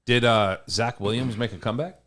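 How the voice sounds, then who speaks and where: Podcast co-host, male, mid-pitched, talkative and rambling, teasing banter. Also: a little fast, a bit bright. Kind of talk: casual sports chat.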